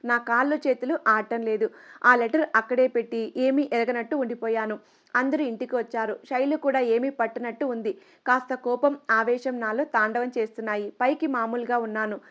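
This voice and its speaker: A woman narrating a first-person story in a steady, even reading voice. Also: on the high side, dull audio.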